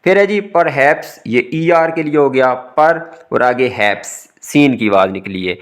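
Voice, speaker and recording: A man's voice: medium pitch, measured pace. A man with a Pakistani Urdu accent teaching a recorded exam-prep English lesson, patiently explaining each word step by step.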